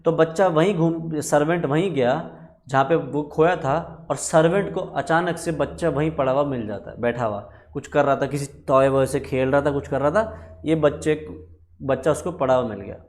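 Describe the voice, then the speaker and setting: A man teaching contract law in a casual classroom lecture, telling stories and jumping into quick voiced asides. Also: a little high, darkish tone.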